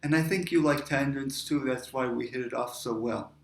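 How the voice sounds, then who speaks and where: A man's voice: medium pitch, normal speed, gravelly. A man poet giving a reflective storytelling talk, drifting into tangents. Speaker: poet and speaker. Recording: roomy echo.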